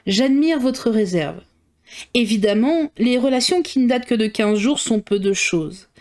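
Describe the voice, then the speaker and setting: A woman reading a novel aloud, voicing a dry, teasing middle-aged father who speaks in a slow, ironic, mocking way. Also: on the high side, animated, a little mellow. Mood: wry.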